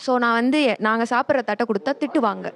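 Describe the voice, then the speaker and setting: A woman's voice: a little high, quick pace, vocal fry, a bit bright. Defensive woman in a debate. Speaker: employer, debate guest. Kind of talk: heated debate.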